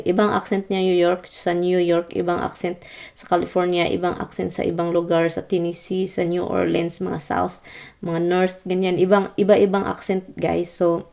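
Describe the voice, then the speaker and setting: A woman's voice: medium pitch, vocal fry, darkish tone. A young woman from the Philippines with a Visayan accent, vlogging casually as she reads viewer comments, chatty, laughing often and mixing languages.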